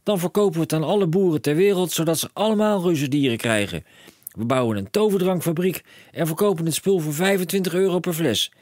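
A man voicing an excitable middle-aged father who shouts his overexcited plans in a children's audiobook. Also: fairly high pitch, normal speed, no echo, studio quality, voice pushed up. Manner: shouting, breathless overexcited rants. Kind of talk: audiobook character voice.

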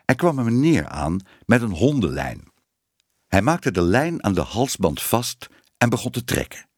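A man's voice: lowish voice, big pitch swings, unhurried, husky, no room sound, studio quality. A man reading a children's story aloud as narrator, voicing the characters expressively.

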